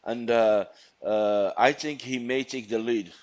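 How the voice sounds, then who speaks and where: A man's voice: mid-range voice, steady tone, measured pace, muffled recording. A man with a North African, Moroccan accent and non-native English phrasing, giving live sports commentary. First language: Arabic.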